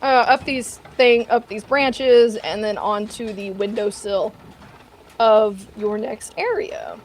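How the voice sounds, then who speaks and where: A woman's voice: mid-range voice, steady tone, slow pace, a little hiss or hum. A woman running a tabletop game as game master, narrating in a casual, playful way.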